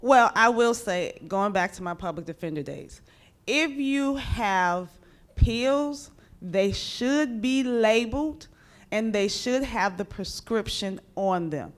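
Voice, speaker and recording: A woman's voice: on the high side, animated, takes it slowly. A woman judge and former public defender, explaining traffic law to a community audience in a plain, direct way. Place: community meeting room.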